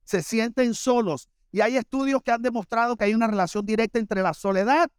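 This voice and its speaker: A man's voice: very high voice, fast talker, smooth, no room sound, clean studio sound. A middle-aged man with a Barranquilla coastal Colombian accent, preaching a sermon in a conversational, storytelling way with humorous asides to the congregation. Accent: Colombian Caribbean coast (Barranquilla). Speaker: pastor.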